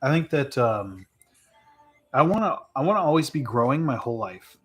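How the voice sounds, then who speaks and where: A man's voice: mid-range voice, very animated, moderate pace, a bit bright, breathy edge, soft background music. Rambling, reflective man chatting live. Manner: rambling, reflective, with frequent laughs and fillers. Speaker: streamer answering viewer questions. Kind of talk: casual live chat. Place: home live stream.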